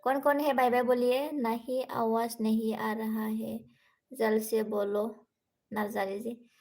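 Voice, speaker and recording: A young woman hosting a casual live stream, reading out viewer comments and answering them in a soft voice while switching between languages. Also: fairly high pitch, flat delivery, slow, vocal fry. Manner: speaking softly, says she cannot talk louder.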